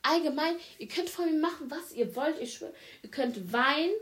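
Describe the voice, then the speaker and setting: A woman's voice: high-pitched, lively intonation, moderate pace, fairly bright tone. Young woman podcaster, just chatting, keeps talking to "leute", trails off n restarts a lot. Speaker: podcast host. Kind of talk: casual chat.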